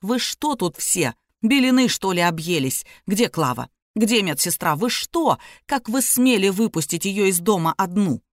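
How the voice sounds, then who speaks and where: A woman reading an anxious middle-aged businessman and father, hoarse and pleading. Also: medium pitch, expressive, a little slow, few pauses, no echo, natural voice. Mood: angry. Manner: hoarse, pleading and shouting by turns.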